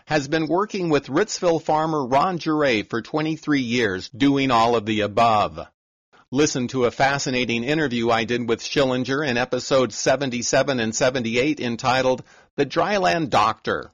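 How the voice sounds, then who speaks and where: A man hosting an agricultural podcast, reading a scripted narration in a measured, informative way. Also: medium pitch, a bit bright, no room sound. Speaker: podcast host and farm reporter.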